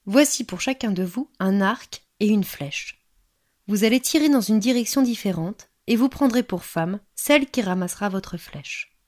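A woman's voice: medium pitch, animated, moderate pace, darkish tone, close to an everyday voice. A woman voicing a grave, commanding old king in a fairy tale reading, speaking solemnly and firmly. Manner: solemn and firm.

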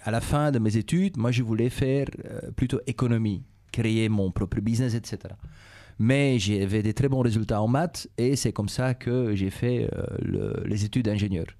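In a low-leaning, mellow male voice, a middle-aged Belgian executive calmly explains things to schoolchildren in French, his Flemish accent showing his native Dutch. His measured answers are peppered with hesitations, repetitions, "euh" and "et cetera".

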